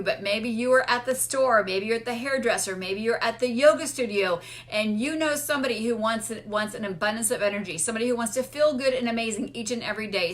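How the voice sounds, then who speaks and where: A woman's voice: fairly high pitch, a bit bright. A middle-aged woman hosting a casual live stream from home as a wellness doctor, upbeat and chatty, sometimes tripping over her words. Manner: upbeat, chatty, stumbles while reading comments.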